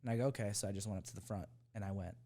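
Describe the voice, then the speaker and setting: A man's voice: lowish voice, fairly even intonation, very fast, mellow. A young man co-hosting a podcast, telling a heated, profane story in casual chat. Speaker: podcast co-host.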